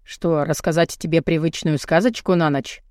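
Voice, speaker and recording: A woman reading an audiobook and voicing a brash, crude, burly man with a husky, gruff voice and a teasing, swaggering manner. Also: deep voice, fairly even intonation, normal speed, darkish tone, no echo, clean studio sound, lightly acted. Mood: wry.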